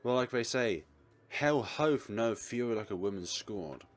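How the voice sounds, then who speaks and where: His mid-range voice is animated but a little slow as he plays through a visual novel, reading the game text aloud. He performs the narrator's lines with playful flair, exclaiming, laughing, and slipping in chuckly joking commentary.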